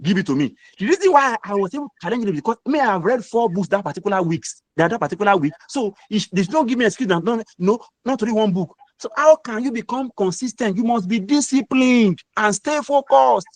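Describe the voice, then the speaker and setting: A middle-aged Nigerian man, serving as guest mentor, gives a motivational talk full of emphatic, preacher-style repetition. He speaks quickly with lively intonation and hardly any pauses, in a voice fairly high for a man. The sound is dry, without room echo.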